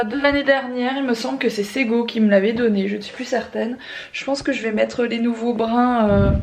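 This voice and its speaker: A young woman with a fairly high voice talks casually to her viewers from her home. She is upbeat and chatty, with frequent fillers and restarts. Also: gravelly. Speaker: family vlogger. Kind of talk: casual vlog chat, unboxing. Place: at home, indoors.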